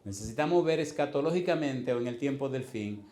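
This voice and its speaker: A man's voice: medium pitch, animated, a little fast, darkish tone, roomy sound. A middle-aged Dominican man preaching as a pastor, telling a playful story and asking the congregation rhetorical questions. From Dominican Republic. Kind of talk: sermon with storytelling.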